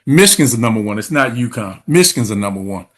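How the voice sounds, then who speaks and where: A man's voice: on the low side, animated, fast. A man co-hosting a sports podcast in casual talk, straightforward and matter-of-fact.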